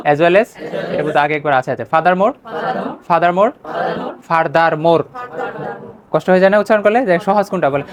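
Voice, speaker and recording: A man who speaks Bengali as his first language, teaching English pronunciation. He reads out phrases and has his students repeat them, checking in with short prompts. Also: high voice. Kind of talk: classroom pronunciation drill.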